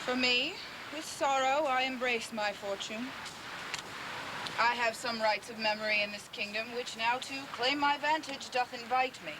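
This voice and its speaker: Woman acting a commanding soldier prince, fairly high voice. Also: moderate pace, background noise, natural voice. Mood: solemn, commanding. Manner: formal, declamatory. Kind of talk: Shakespearean stage acting.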